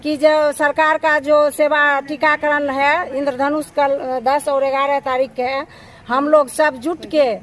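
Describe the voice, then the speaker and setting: A woman's voice: high voice, level tone, slow, a bit bright. A woman from Bihar speaking firmly for striking anganwadi workers at an outdoor protest. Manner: firm, resolute. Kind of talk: protest speech.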